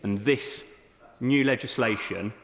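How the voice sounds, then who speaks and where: A man making a somewhat halting intervention in a parliamentary debate. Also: medium pitch, fairly bright tone, slight background noise. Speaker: member of parliament. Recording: reverberant hall sound.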